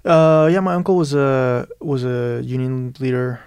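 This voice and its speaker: A Peruvian writer, a guest in a reflective interview, speaks thoughtfully and searchingly, often restarting and adding "you know." His medium-pitched voice is darkish and clean, a little slow, with no echo.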